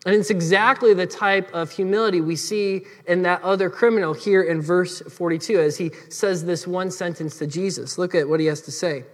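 A man preaching a sermon as pastor, earnest, often dropping to soft emphatic phrases. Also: sits high, fairly even intonation, normal speed, hardly any pauses, in a large hall.

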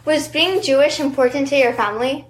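A woman's voice: sits high, a little fast, slight background noise. A woman hosting a podcast, asking short, plain interview questions.

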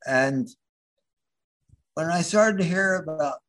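A man from the Philadelphia area, a guest in an interview, speaking haltingly with many restarts as he searches for words. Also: fairly high pitch, fairly bright tone. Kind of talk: interview conversation.

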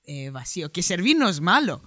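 A man co-hosting a podcast, chatting casually with many hesitant fillers and quick laughs. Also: sits high, sing-song, bright, forceful tone, no room sound. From born in Puerto Rico, Chilean parents. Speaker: podcast co-host. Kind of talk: casual chat.

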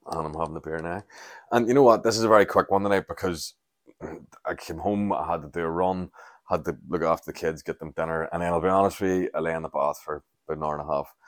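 A man's voice: rumbling low, no echo, clean studio sound. A man, chatting casually and candidly as a podcast host, rambling and swearing freely. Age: 40s. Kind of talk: casual solo chat.

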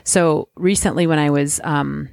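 Co-host: deep-voiced woman, rambling storyteller, dry close mic. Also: fairly even intonation, a little slow, vocal fry, a little mellow, no room sound. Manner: chatty storyteller, trailing restarts. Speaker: podcast co-host. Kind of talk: casual chat.

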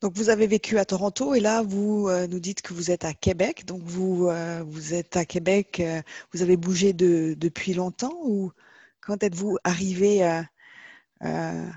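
A woman from Switzerland interviewing a guest for a podcast, polite and pausing often with fillers. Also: fairly low pitch, steady tone, mellow, breathy edge, no echo, dull audio. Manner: polite, many filler pauses.

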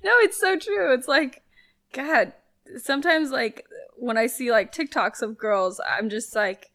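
A woman in her thirties co-hosting a podcast, chatty and quick to laugh in casual run-on talk. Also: high voice, a bit bright. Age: 30s. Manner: chatty, laughs easily, talks in loose run-on bits. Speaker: podcast co-host. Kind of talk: casual chat.

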